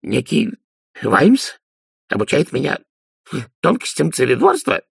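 A jittery male dwarf bureaucrat who stumbles over his words and blusters under pressure , as a deep-voiced male narrator puts him on. The audio is close and dry. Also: very animated, a little fast, vocal fry, fairly bright tone, breathy edge, no room sound, full character voice. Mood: flustered. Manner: flustered, stammering. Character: nervous fussy male dwarf official.

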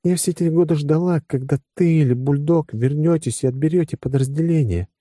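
A man's voice: on the high side, fairly quick, dark tone, no room sound, clean studio sound, voice pushed up, natural voice. A man voicing a young woman officer in an audiobook, teasing and touchy, flaring up over what she holds. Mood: sheepish. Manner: teasing, flaring into possessive outbursts. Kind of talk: audiobook character voice.

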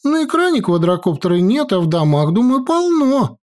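A man voicing a young girl navigator who gives brisk, military-style reports in a raised voice. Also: sits high, big pitch swings, a little mellow, pitched above the performer's own voice. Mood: matter-of-fact. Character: young girl scout reporting drone sightings.

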